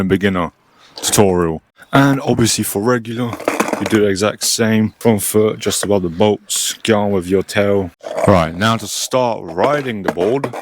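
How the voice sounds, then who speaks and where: A man giving a casual, informal step-by-step beginner tutorial as host, recorded on a cheap, low-quality microphone. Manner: informal, mildly sweary. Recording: cheap low-quality mic, noisy, clicks.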